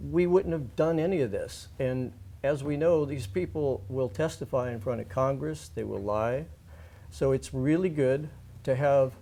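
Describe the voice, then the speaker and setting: A man with a mellow, medium-pitched voice speaks unscripted as a guest on a radio interview. He's an alternative-media writer, earnest and emphatic, who tends to restate his points.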